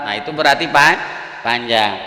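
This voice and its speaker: A man's voice: mid-range voice, normal speed, bright, forceful tone. A man with an Indonesian accent teaching a Quran recitation lesson, patiently sounding out syllables one at a time and chanting the examples. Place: religious gathering hall. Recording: echoey hall.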